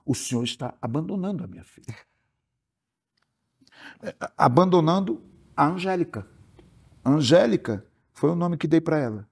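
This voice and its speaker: A man voicing a stubborn mother who presses her baby onto a stranger, speaking flat and insistent. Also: on the high side, normal speed, gravelly, long pauses, slightly rough, full character voice. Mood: accusing.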